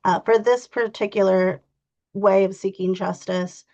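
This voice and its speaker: A woman's voice: medium pitch, steady tone, measured pace, dark tone. A woman teaching an online training session in an informal, explaining way, her voice stuffy and congested, heard over a video call. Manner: informal, explanatory, frequent "you know" fillers. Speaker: victim advocacy trainer. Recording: dull lo-fi video call audio.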